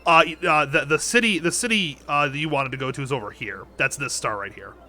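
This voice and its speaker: A man narrating as dungeon master over a voice call, halting and restarting often. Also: fairly high pitch, bright, forceful tone. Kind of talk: running a tabletop game.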